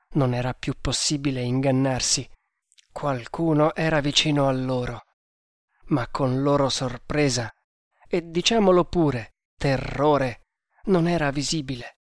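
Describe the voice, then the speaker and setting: Slow, dramatic male audiobook narrator. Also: medium pitch, no echo, studio quality.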